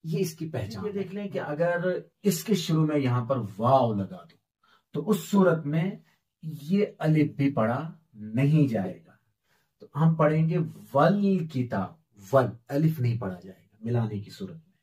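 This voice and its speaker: Man, middle-aged teacher, slow unhurried delivery, patient letter-by-letter spelling, classroom lesson. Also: a little high, lively intonation, a little mellow. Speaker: Quran recitation teacher.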